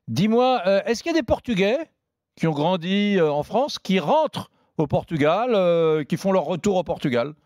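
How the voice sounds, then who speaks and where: A male radio host interviewing a caller, asking brisk, friendly questions. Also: sits high, animated, darkish tone.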